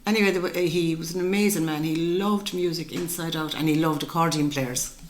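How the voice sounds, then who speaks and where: A woman's voice: low voice, fairly even intonation, brisk. A woman in her sixties with a west of Ireland accent, reminiscing in casual conversation as an interview guest, in a colloquial, emphatic storytelling way. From west of Ireland (County Mayo). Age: 60s. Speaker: interview guest, traditional musician. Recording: echoey room, clear background noise.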